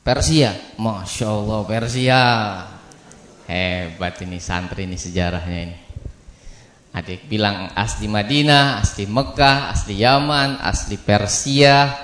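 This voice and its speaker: An Indonesian man teaching a religious study class, quizzing his students and slowly spelling out names. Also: lowish voice, a bit bright, reverberant. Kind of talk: classroom lesson with questions to students. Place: study hall.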